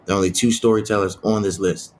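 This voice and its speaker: A man on a podcast panel giving his scores and arguing his case earnestly, with halting restarts. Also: fairly low pitch, fairly even intonation, a little mellow, a little hiss or hum. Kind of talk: casual podcast discussion.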